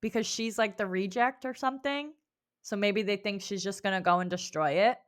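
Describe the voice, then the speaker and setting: A woman's voice: medium pitch, fairly quick. A woman co-hosting a book club podcast, chatting casually, swearing freely and laughing often. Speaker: podcast co-host.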